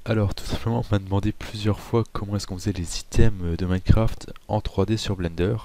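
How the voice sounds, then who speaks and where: A man hosting a casual software tutorial, chatty with self-mocking asides and frequent hesitations. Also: fairly low pitch, steady tone, fairly quick. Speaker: tutorial host.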